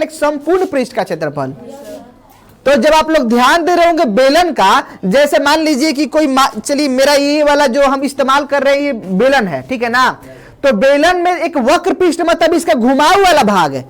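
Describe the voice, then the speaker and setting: A physics teacher in a classroom, dictating definitions slowly and repeating phrases, quizzing the class and calling students friend. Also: high voice, lively intonation. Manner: asks the class questions and calls them friend.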